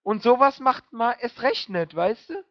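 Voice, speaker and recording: An extremely high-pitched young man with a German accent, drunk and speaking a little slowly, swears crudely in casual voice chat while gaming online. There's no echo, but the lo-fi chat audio is muffled, and he's excitable and foul-mouthed throughout.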